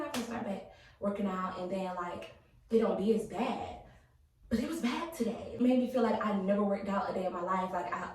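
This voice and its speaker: A young woman vlogging at home, talking candidly with lots of fillers, sometimes dropping to a hushed voice. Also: on the low side. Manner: candid, rambling, filler-heavy talk; hushed, half-whispered at times. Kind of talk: casual vlog narration. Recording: echoey room, mic at a distance.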